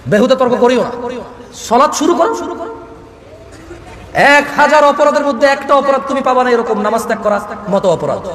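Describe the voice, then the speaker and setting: Male preacher, scolding and restless, very high and quick, heard distant and roomy over a PA. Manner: restless, loud and high-voiced, scolding the crowd. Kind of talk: sermon at a religious gathering. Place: large religious gathering, amplified on a mic. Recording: echoey PA sound from far off.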